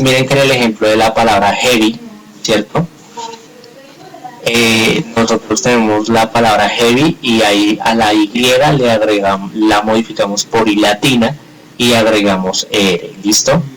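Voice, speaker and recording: A male teacher with a fairly low voice walks his class through the grammar. He explains patiently, repeats each point and keeps checking in with the students. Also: fairly bright tone, rough recording. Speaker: English teacher. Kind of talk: live online grammar class.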